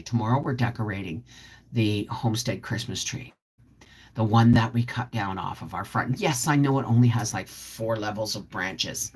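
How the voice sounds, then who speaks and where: A middle-aged woman hosting a homestead channel chats casually on a live stream, rambling and responding to viewer comments as they come in. Her voice is a rumbling low and slightly rough.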